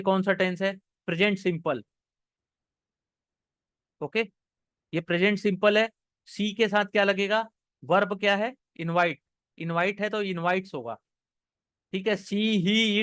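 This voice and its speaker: Slow, high-voiced teacher. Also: male voice, fairly even intonation, a bit bright, clear, resonant tone, no room sound. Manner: encouraging, explains step by step, reads sentences slowly. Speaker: online English teacher. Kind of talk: live exam-prep class.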